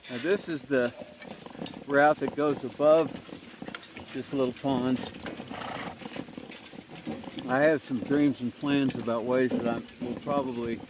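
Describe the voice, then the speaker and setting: A man's voice: medium pitch, fairly even intonation, measured pace. A man giving a casual walking tour of his farm, talking in a blunt, folksy, rambling way and swearing freely. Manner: rambling with restarts. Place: outdoors on a farm. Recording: outdoor noise behind the voice.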